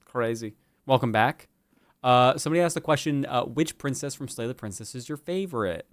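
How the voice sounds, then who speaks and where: A man's voice: medium pitch, expressive, fairly quick, no room sound. A man hosting a live stream, chatty and joking, swearing casually as he moves between stories. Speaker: stream host.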